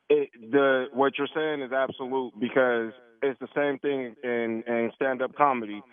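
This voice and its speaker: Radio show caller on a tinny phone line. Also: male voice, mid-range voice. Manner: earnest, building an argument point by point. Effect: calling in over a phone line. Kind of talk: call-in opinion.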